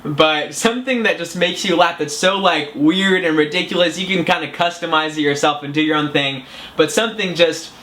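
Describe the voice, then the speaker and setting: A man's voice: a little high, normal speed, pushed and bright, slight background noise. A man hosting a casual advice vlog, talking in an earnest, chatty way with frequent restarts. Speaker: self-help vlogger.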